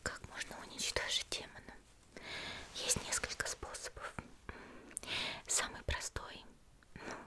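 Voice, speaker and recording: This ASMR roleplay has a woman whispering as a petite, elegant, gentle female demon slayer. She keeps a natural voice, soft, unhurried and reassuring.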